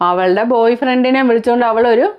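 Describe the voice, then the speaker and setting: A woman's voice: fairly high pitch, fast talker, clear, resonant tone, muffled recording. A woman from Kerala giving blunt, critical reality-show commentary as a vlogger, full of rhetorical questions.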